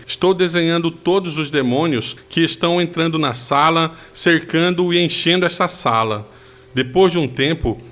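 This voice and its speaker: Man, higher-pitched speaking voice, giving a steady earnest personal testimony.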